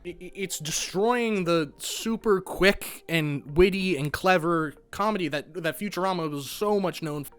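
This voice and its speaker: A man's voice: high-pitched, a little slow, few pauses, a bit bright, smooth, faint music behind. A young man giving a casual spoken cartoon review, ranting and swearing in exasperation. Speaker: animation reviewer.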